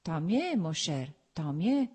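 A woman's voice: sits low, big pitch swings, slow pace, warm tone, slightly rough, heavily acted. A woman reading an audiobook voices an elderly countess, a fond and chatty mother who gushes and slips French phrases into her talk. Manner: gushing, affectionate, drops French phrases.

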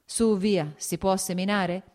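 A woman's voice: mid-range voice, fairly even intonation, takes it slowly, a little mellow, pitched above the performer's own voice, close to an everyday voice. A woman reading the part of a short-tempered landowner man who fires off impatient, scolding questions. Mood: terse questioning.

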